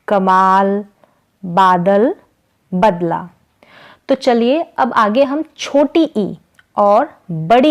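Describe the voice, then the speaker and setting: Slow, deliberate woman teaching letters. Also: medium pitch. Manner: slow, deliberate, spells out syllables and example words one by one. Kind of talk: slow, careful Hindi vowel-sign lesson.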